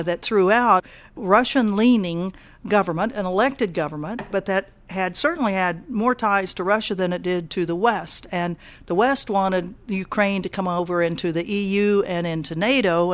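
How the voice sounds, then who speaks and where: An older woman and peace activist answering interview questions casually, pausing often with fillers and restarts. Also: medium pitch. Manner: halting, many fillers and restarts.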